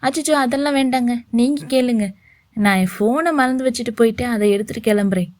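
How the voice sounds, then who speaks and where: A woman's voice: on the high side, brisk, a little mellow, no echo, studio quality, close to an everyday voice. Woman voicing Kailash, a jittery polite young man. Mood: nervous. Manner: nervous, polite.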